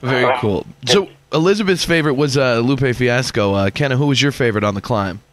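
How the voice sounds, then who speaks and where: A man's voice: mid-range voice, brisk. A man hosting a radio show, asking guests questions in a casual, stumbling way. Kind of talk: radio interview.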